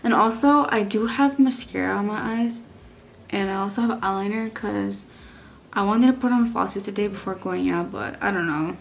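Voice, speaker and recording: A woman's voice: medium pitch, normal speed, creaky, a little hiss or hum. A young woman from Texas, chatting casually through a makeup review and rambling with lots of likes and restarts. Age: young adult. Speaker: beauty vlogger.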